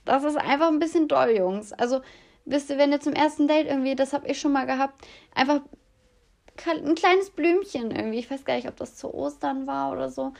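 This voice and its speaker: A young woman in her twenties casually telling dating stories to her viewers, animated and dramatic, often laughing. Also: high-pitched, brisk, gravelly. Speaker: vlogger.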